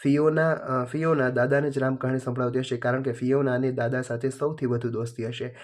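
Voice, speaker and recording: A male teacher reading out workbook questions and answers in a steady, even way. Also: mid-range voice. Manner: steady, flat reading with small pauses.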